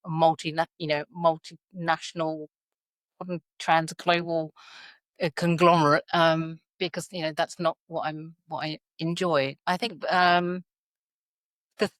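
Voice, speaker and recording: A middle-aged woman with a South London accent and a low voice talks through her story in an interview. She pauses often, and her thoughts come out in halting restarts and fillers. The sound is dry and close. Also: no room sound. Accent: South London English. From South London, England. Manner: hesitant, lots of fillers and restarts. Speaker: podcast guest, educator. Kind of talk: reflective interview conversation.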